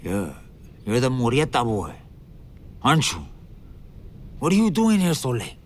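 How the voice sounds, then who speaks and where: A man's voice: medium pitch, huge pitch swings, measured pace, slight background noise. A man voicing a drugged, befuddled male soldier on guard duty, with a thick voice that sounds like sand in his throat, in a dramatized audiobook. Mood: groggy. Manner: bewildered, stumbling, then alarmed.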